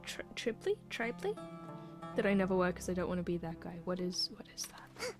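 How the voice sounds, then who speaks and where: Speaking a little fast and very animated, this young female video game streamer jokes her way through live gameplay with mock-dramatic flourishes. Her voice is lowish, and the game's music drifts between faint and clearly audible behind her.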